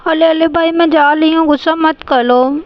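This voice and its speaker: A woman's voice: high voice, fairly even intonation, normal speed, dry recording, dull audio, natural voice. A woman voicing a little girl doll who pleads in babyish, lisping talk in a doll storybook play. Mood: upset.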